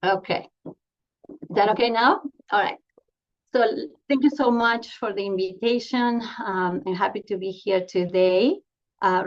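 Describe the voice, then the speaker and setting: A woman from Argentina speaks into her computer microphone from home, presenting to a video call in an earnest, halting way. Her voice sits at a middle pitch. The call audio is slightly dull and lo-fi. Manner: earnest, halting, with many fillers and restarts. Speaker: family doctor and professor giving a talk. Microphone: computer mic on a video call.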